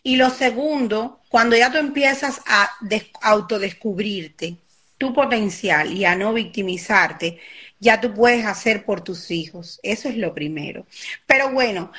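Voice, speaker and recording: A woman's voice: fairly high pitch, a bit bright. Woman, life coach, emphatic, repeats herself, online live chat. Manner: emphatic, repeats key phrases. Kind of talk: advice-giving conversation. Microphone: online live call.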